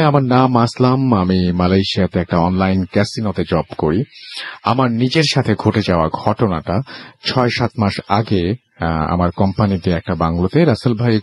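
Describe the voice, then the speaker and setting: A man's voice: on the low side, normal speed, husky. A man hosting a storytelling show, reading a listener's ghost story aloud, with a sore throat. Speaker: host reading a listener's email.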